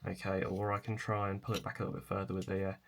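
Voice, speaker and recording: A man presenting a casual hands-on tutorial in an informal, tentative, explanatory way, with a chair creaking. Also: low voice, little pitch movement, rapid-fire, a little hiss or hum. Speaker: video presenter.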